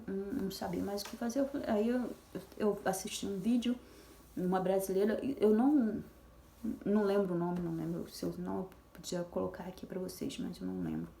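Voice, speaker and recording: A woman's voice: medium pitch, vocal fry, mellow. Chatty mother in an echoey room. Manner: chatty, with many fillers and restarts. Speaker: mother of twins sharing her experience. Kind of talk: casual personal vlog.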